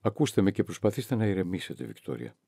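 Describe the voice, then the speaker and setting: A man voicing an earnest, humble young officer who speaks softly and gently, in an audiobook reading. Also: deep voice, big pitch swings, vocal fry, slightly rough, no echo, clean studio sound, heavily acted. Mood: gentle soothing.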